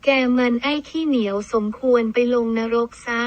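A woman's voice: on the high side, moderate pace, a little mellow, no room sound, dull audio, lightly acted. A woman voicing a regretful rich man scolding himself. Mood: self-reproach.

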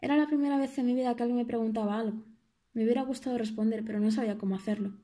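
A woman's voice: fairly high pitch, fairly even intonation, racing, warm tone, natural voice. A woman voicing a pair of mocking, gossipy sea waves in an audiobook, squealing and melodramatic. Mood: dramatic. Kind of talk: audiobook character voice.

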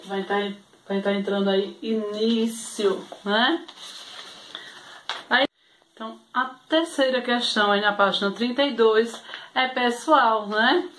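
A woman teacher with a Brazilian Portuguese accent leads a remote class for young children. Her voice sits fairly high, and she moves slowly and patiently, repeating each point and checking in with her pupils again and again. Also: a bit bright, a little hiss or hum. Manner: patient, repetitive, keeps checking in with "né?". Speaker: primary school teacher.

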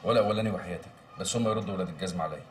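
An actor playing an Egyptian man who is brisk and commanding with his friends and tender with his partner. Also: deep voice, close to an everyday voice. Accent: Egyptian Arabic. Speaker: gang leader. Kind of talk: TV drama acting. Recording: distant mic, heavy background noise.

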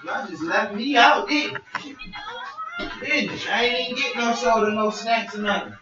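A friend in a casual home chat, teasing the others in quick back-and-forth. The voice sounds roomy and dull, and music plays clearly in the background. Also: mid-range voice.

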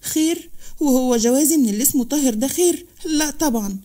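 A woman's voice: sits high, fast, pitched above the performer's own voice, lightly acted. A woman voicing a proud, defiant young orphan woman, with an Egyptian accent, in a narrated story. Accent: Egyptian Arabic. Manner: defiant and sharp-tongued.

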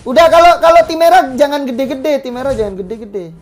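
A woman's voice: high-pitched, lively intonation, fast talker. A woman hosting a game session, barking repeated commands at players and swearing casually. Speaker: gaming channel host. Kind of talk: live game commentary giving orders to players.

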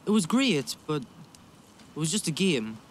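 A man's voice: fairly high pitch, big pitch swings, takes it slowly, slight background noise. An actor playing an earnest, defensive young working-class man with a Geordie accent in a naturalistic drama. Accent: Geordie, North East England.

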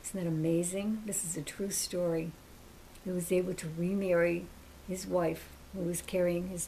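A woman's voice: on the low side, creaky, dark tone, a little hiss or hum, rough recording. A woman hosting a faith show, reading testimonies aloud in a chatty, enthusiastic way and stopping for personal asides. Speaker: host of a Bible testimony show.

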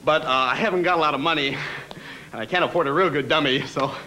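A man's voice: fast, sharp tone, rough recording. A man doing a goofy, self-mocking stand-up set on a TV studio stage. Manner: goofy, self-mocking, jumps into silly high voices. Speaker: stand-up comedian. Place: TV studio stage before a live audience. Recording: music and crowd laughter behind.

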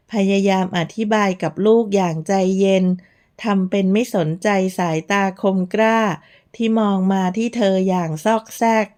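A woman narrating a romance novel in a slow, measured, even reading voice. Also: medium pitch. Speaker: audiobook narrator.

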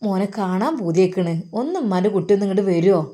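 A woman voicing an older, loving and pious mother who speaks tenderly and preaches gently. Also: medium pitch, fast, close to an everyday voice. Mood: pleading. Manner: tender, pleading, softly preaching.

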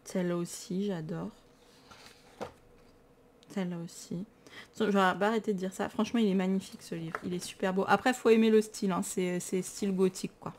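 A tired French-accented woman casually shows her books in a vlog, chatty, enthusiastic and self-mocking. Her voice is mid-range and darkish with fairly even intonation and a brisk pace, and there's slight background noise.

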